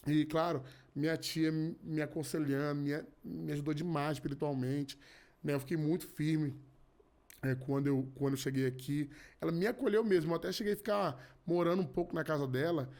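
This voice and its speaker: A man's voice: fairly high pitch, fairly even intonation, fairly quick, darkish tone. A man in his thirties, a podcast guest giving an earnest personal testimony in casual chat, often restarting and repeating his words. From Rio de Janeiro. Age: 30s. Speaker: podcast guest, gospel musician.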